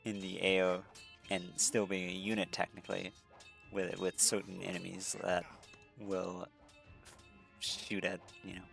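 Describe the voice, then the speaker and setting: A man's voice: sits low, monotone, a little slow, vocal fry, pauses often, a bit bright, faint music behind. A man casually commenting on his own gameplay, rambling and correcting himself with lots of fillers. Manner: rambling, self-correcting, frequent fillers and restarts. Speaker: let's-play commentator.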